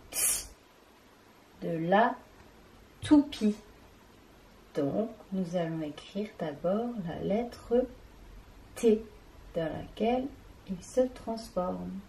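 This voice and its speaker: A woman teacher giving an early reading lesson to young children, sounding out syllables one by one in a slow and deliberate way. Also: lowish voice, creaky, mellow, slight background noise. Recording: echoey room.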